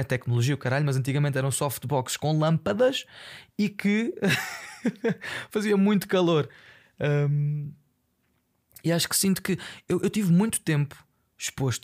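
A young man with a European Portuguese accent, talking close to the microphone in a relaxed solo podcast. His voice sits a little high with a gravelly edge. He rambles, swears freely and drops in English fillers. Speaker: podcast host. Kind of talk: casual solo podcast monologue.

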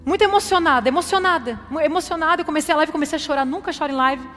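A woman pastor preaches with a very high voice and fervent, building intensity. Her words carry a long reverb from a church hall, with soft music underneath. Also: rapid-fire. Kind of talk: sermon testimony.

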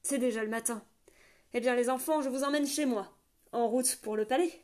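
A woman's voice: on the high side, normal speed, natural voice. Woman voicing a hearty rebel prince. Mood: jovial. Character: rebel prince, hearty bearded older man.

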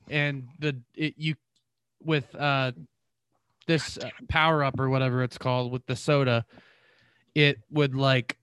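A man's voice: medium pitch, fairly bright tone, smooth, no room sound. A young man chatting casually about video games, rambling with lots of fillers and restarts.

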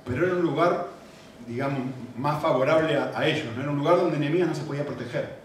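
A man's voice: a little high, fast talker. Argentine male preacher, conversational questioning delivery; distant mic in a very reverberant hall. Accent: Argentine Spanish. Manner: conversational, asks the audience questions. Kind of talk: expository sermon. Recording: echoey hall, mic from afar, faint hiss.

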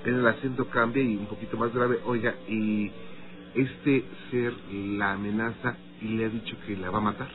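A man's voice: lowish voice, fairly even intonation, normal speed. A man hosting a call-in radio show, asking brief, probing questions. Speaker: radio host. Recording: narrow phone-like sound, faint music.

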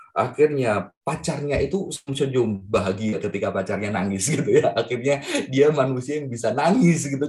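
A man delivers a lively sermon and tells stories to his congregation. His voice sits at an ordinary pitch and swings up high when he gets excited. Then it drops to soft, quiet tones. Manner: animated storytelling, addresses congregation directly. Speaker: evangelist preacher.

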